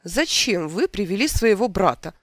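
A reader voicing a pompous, easily irritated old king in a storybook tale, speaking slowly and grandly. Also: mid-range voice, sing-song, no room sound.

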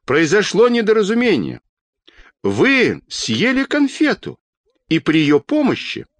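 A well-meaning children's doctor at his wits' end, as a man reading a storybook plays him. He shouts his pleas in a raised, strained voice with big rises and falls. The recording is close and dry. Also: sits high, huge pitch swings, measured pace, dry recording, pitched above the performer's own voice, full character voice. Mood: pleading. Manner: shouting, pleading.

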